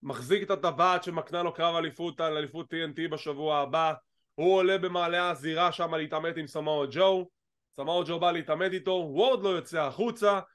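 A man co-hosting a wrestling podcast, talking in a casual, animated and teasing way and slipping English phrases into his talk. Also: a little high. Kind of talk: casual chat.

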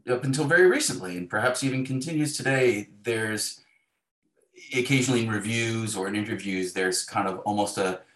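As an interview guest, a man reflects conversationally, hesitating and correcting himself with frequent restarts as he thinks. His voice is on the low side, fairly quick and a bit bright, in a roomy, echoing recording.

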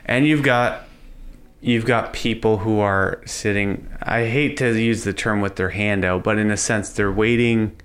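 Canadian guy podcast host, lowish voice, chatty and explaining stuff in plain informal talk. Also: a little slow, fairly bright tone, clean tone. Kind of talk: conversational podcast discussion.

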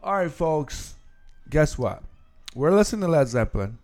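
A man's voice: fairly high pitch, very animated, normal speed, darkish tone, soft background music. An American man hosting an amateur podcast in a casual, conversational style. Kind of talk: casual chat.

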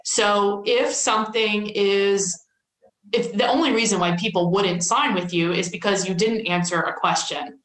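A woman hosting a podcast interview, upbeat and chatty, filling her speech with "like" and quick affirmations. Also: mid-range voice, fairly even intonation, a bit bright. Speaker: podcast host. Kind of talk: casual conversational interview. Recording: echoey room.

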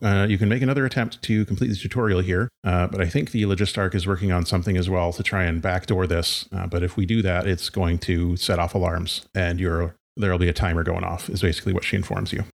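A man running a tabletop role-playing game as game master, narrating in a halting way with many fillers. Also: low-pitched, steady tone, creaky. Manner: halting, with frequent fillers and laughs.

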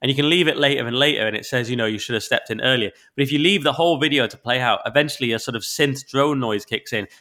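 A man co-hosting a podcast, chatting in a quick, mocking, sarcastic way. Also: mid-range voice, pushed and bright. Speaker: podcast co-host. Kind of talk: casual political chat.

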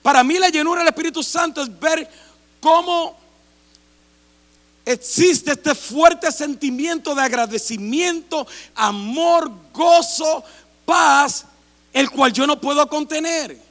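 Impassioned high-voiced male preacher. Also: slow pace. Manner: impassioned, rising to shouts. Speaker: pastor. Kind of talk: sermon. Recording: long hall reverb.

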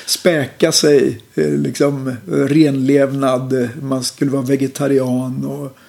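A middle-aged man, a musician, calmly telling stories about his old band in a casual interview, with lots of hesitations. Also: mid-range voice, gravelly. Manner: relaxed, reflective storytelling with many fillers. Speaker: musician guest.

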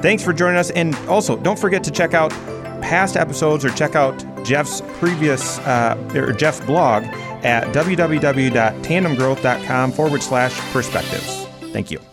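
A man's voice: fairly high pitch, moderate pace, music in the background. A man co-hosting a podcast in a conversational, folksy, affirming manner. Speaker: podcast co-host.

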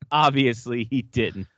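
A man's voice: mid-range voice, a bit bright, no room sound. A man hosting a podcast, chatting casually about sports, profane and rambling, with frequent laughs. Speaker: podcast host. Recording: dry, dull lo-fi sound.

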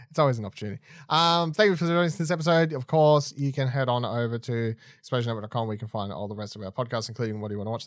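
Man, podcast host, rapid casual chatter, dry close sound. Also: medium pitch, no echo. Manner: quick, animated, laughs often.

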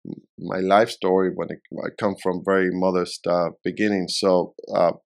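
A middle-aged man from Venezuela answering interview questions in a halting way, often repeating words while he searches for them. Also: low voice, level tone, vocal fry. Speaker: real estate developer, guest.

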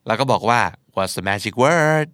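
A man's voice: mid-range voice, animated, takes it slowly, fairly bright tone, smooth, no echo, clean studio sound. A man teaching English idioms in Thai, playfully acting out example lines in English and Thai. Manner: playful, switches between Thai explanation and acted English lines.

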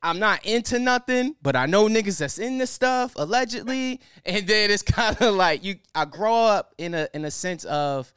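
A young man hosting a podcast, excited and loose, chatting casually with plenty of fillers and profanity. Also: high voice, normal speed, hardly any pauses, clean tone, no echo, clean studio sound. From Baltimore County, Maryland. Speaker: podcast host.

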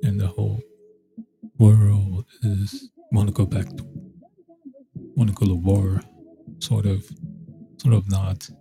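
A man's voice: on the low side, level tone, slow pace, creaky, long pauses, music in the background. A man hosting a casual solo podcast, rambling and meandering with many fillers and restarts. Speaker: podcast host.

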